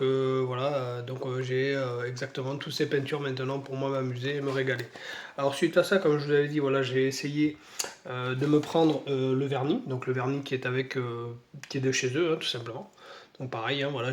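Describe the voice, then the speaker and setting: With slight background noise, a medium-pitched male voice belongs to a French-speaking model-kit hobby vlogger unboxing paints in a casual video. A cold leaves him stuffy-nosed, and he speaks hesitantly with lots of fillers.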